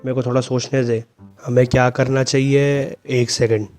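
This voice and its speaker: A man's voice: medium pitch, level tone, moderate pace, a little mellow, soft background music, lightly acted. A man reading the lines of a rude, scheming teenage school bully.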